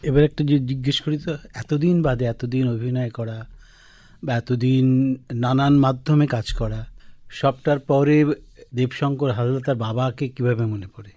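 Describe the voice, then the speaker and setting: A man hosting a radio interview in a studio, asking questions in a quick, friendly, affirming way. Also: mid-range voice, steady tone, mellow, no echo.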